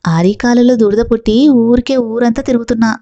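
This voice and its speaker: A woman's voice: fairly high pitch, fairly even intonation, a little slow, mellow, muffled recording, close to an everyday voice. A woman reading the lines of a playful, teasing young village wife.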